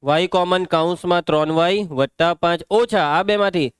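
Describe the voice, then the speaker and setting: Brisk Gujarati male maths teacher. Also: high-pitched, fairly even intonation, smooth, dry recording. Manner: brisk, quizzes pupils by name, scolds the class. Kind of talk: live classroom lesson.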